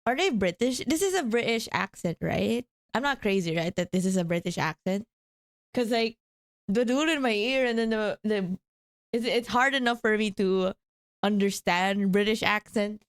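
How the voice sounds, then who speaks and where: A young woman vtuber chatting excitedly and distractedly while playing a game. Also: on the high side, moderate pace, no echo, studio quality. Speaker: vtuber streamer. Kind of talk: gaming stream commentary.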